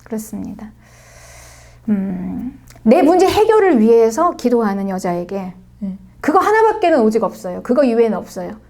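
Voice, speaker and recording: A middle-aged woman pastor preaching a sermon with a Seoul accent, dramatic, swinging between soft murmurs and raised cries. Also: a little high, very animated, moderate pace, creaky. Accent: Seoul Korean. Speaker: senior pastor.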